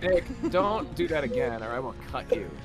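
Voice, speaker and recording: A man's voice: mid-range voice, expressive, moderate pace. A man playing a game with friends, teasing in a mock-stern, dry way. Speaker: voice actor and guest player. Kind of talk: casual gaming banter. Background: loud background music.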